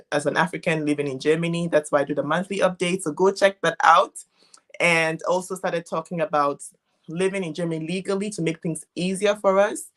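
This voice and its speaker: A middle-aged woman from Ghana, a legal interpreter explaining things as a guest on a live video call. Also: sits low. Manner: explanatory, unhurried with frequent restarts. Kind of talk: casual interview. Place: home in Germany.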